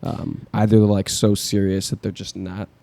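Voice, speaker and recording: Dark-voiced young man with deadpan humor. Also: lowish voice, moderate pace. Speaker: podcast co-host. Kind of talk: casual chat.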